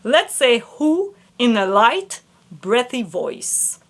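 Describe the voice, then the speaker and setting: A woman vocal coach giving a singing lesson, explaining exercises slowly and clearly between sung vocal demonstrations. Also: a little high, big pitch swings, fairly bright tone. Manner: slow, clear instructions with sung vocal examples.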